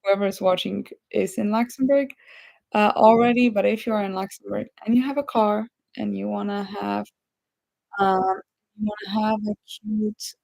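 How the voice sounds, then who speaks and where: Chatty woman with a gravelly voice. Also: mid-range voice, steady tone, moderate pace, darkish tone, no echo, low-quality recording. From Poland. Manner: rambling, chatty, reads viewer comments aloud. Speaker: livestream host. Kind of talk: casual live chat with viewers.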